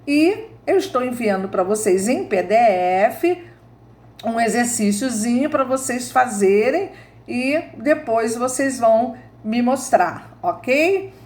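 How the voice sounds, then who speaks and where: A woman's voice: a little high, expressive, slow, a little mellow. A woman with a Brazilian accent who teaches an online grammar lesson, explaining each point step by step and checking in with her students after each one.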